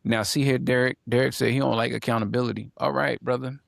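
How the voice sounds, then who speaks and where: A man's voice: mid-range voice, steady tone, quick pace, creaky, no room sound, clean studio sound. A man co-hosting a casual podcast panel, talking emphatically, repeating lines for punch and reading viewer comments aloud. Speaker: podcast co-host.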